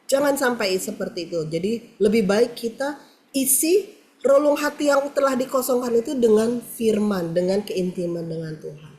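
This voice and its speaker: A woman's voice: a little high, normal speed, mellow. A woman giving an earnest, candid personal testimony over a video call, talking with many fillers. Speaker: participant sharing a testimony. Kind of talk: personal testimony in an online prayer meeting.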